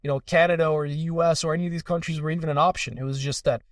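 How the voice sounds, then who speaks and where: A young man from Iran talks quickly and earnestly as a podcast guest, leaning on fillers as he tells his story. His voice sits a bit high, and he sounds a little away from the mic in a dry, dead room. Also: fairly even intonation, no echo, recorded from a distance. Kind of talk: casual interview conversation.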